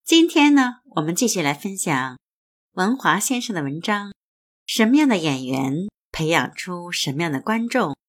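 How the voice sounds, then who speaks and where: A woman host reading an essay aloud in a measured, deliberate way. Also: lowish voice, big pitch swings.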